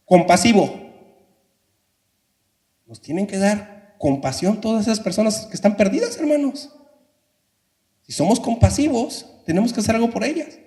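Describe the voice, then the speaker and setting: A male pastor preaching an impassioned sermon in a church, often addressing the congregation. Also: sits high. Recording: echoey church hall reverb.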